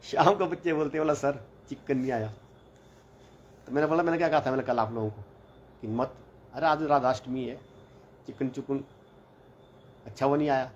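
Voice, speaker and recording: A man's voice: mid-range voice, fairly quick, long pauses. A man, a teacher who helps run a hostel mess, tells a rambling everyday story in a casual vlog, peppering his talk with "bhai" and reported speech. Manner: rambling, chatty, repeats "bola" and "bhai". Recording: slightly dull lo-fi audio with faint background noise.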